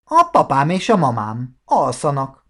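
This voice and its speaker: A man's voice: medium pitch, wildly swooping pitch, sharp tone, exaggerated voice. A man voicing a shy young vampire boy in a storybook, talking hesitantly and apologetically. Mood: awkward. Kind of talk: storybook character voice.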